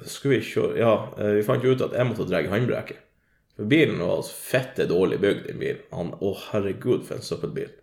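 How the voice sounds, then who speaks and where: A young man spins an excitable, swear-filled story with a lot of laughter. His fairly low voice is gravelly and swings up and down in pitch. The room around him sounds echoey. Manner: profane, excitable, laughs often, frequent fillers. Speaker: guest telling a story. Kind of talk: casual storytelling chat. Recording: roomy echo.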